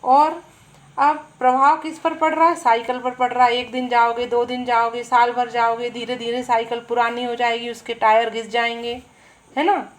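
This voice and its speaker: A woman's voice: a little high, flat delivery, low-quality recording. A woman teaching Hindi grammar. She explains with everyday examples, asks questions and answers them herself, and often checks in with "है ना". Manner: drawn-out, deliberate pacing with frequent "है ना" check-ins. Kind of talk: explanatory lesson.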